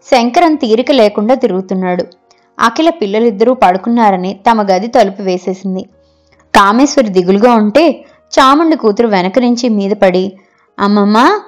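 A woman narrating a short story in a measured, even storytelling manner, as host of her story channel. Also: mid-range voice. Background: faint background music.

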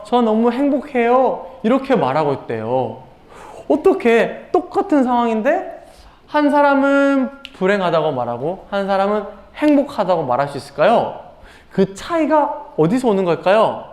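A preschool Sunday school teacher telling a children's sermon, animated and full of questions to the kids. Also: mid-range voice, reverberant.

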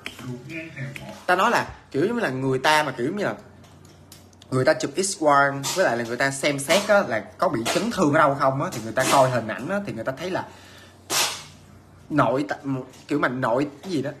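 A man's voice: mid-range voice, lively intonation, fast talker, long pauses, noisy background. A man telling a ghost story in a casual, chatty way, repeating himself with many fillers and restarts.

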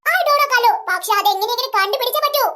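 A haughty, scheming rich madam, as a performer puts her on, in a very high, bright voice that moves fast. She plots and gives orders and sprinkles her speech with English words.

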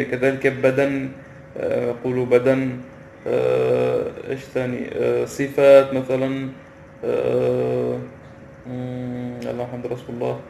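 A man chats quickly to camera, halting and restarting as he searches for words. His voice is gravelly and stays flat. The recording is roomy, with faint ambience behind him. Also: mid-range voice, slight background noise. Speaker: vlogger. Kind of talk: casual vlog to camera.

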